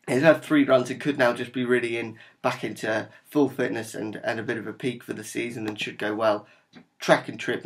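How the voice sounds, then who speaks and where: A man's voice: medium pitch, vocal fry. A man with a Norfolk English accent, informally presenting a horse racing tips video in a conversational, upbeat, matter-of-fact way. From Norfolk, England.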